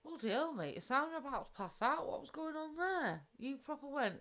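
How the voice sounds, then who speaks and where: This woman co-hosts a casual livestream. She cuts in with blunt, sweary, mocking asides. Her voice is fairly high and bright. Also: very animated, fairly quick. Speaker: livestream co-host.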